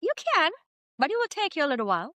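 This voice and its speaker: A woman in her thirties with a Jamaican accent, telling her story as a podcast guest in a lively, chatty way. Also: sits high, fast talker, no echo. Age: 30s. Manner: lively, chatty, quotes herself often. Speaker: guest entrepreneur. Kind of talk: candid storytelling interview.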